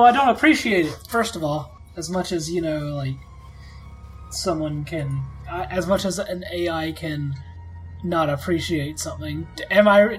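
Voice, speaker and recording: Lady as a miffed, self-doubting ai in an rpg, lowish voice, musing, faint music. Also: natural voice, low-quality recording. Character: indignant, self-doubting artificial intelligence.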